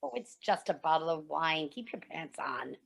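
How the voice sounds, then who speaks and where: A woman's voice: deep voice, animated, normal speed, gravelly. An actress playing a carefree young woman with a breezy, offhand manner in an amateur stage play.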